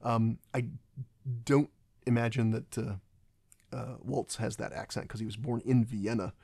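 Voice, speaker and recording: A man's voice: medium pitch, steady tone, creaky, dark tone, breathy edge, no room sound. A man giving a casual, rambling film commentary, often stopping and restarting his sentences. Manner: halting and rambling, many restarts.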